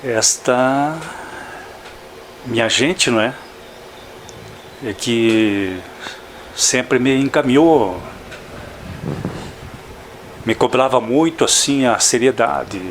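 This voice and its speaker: A man's voice: medium pitch, very slow, pauses often, slight background noise. An older man, a veteran journalist, speaking as a guest in a radio studio interview, talking reflectively and often adding "não é?" tags. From Santa Catarina, southern Brazil.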